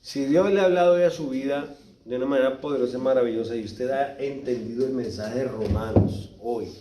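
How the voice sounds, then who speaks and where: A man with a Colombian Spanish accent preaching a sermon as pastor, swinging between loud exhortation and quiet low asides. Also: a little fast, distant mic, a little hiss or hum. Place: church. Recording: echoey church hall, speaker off-mic at times.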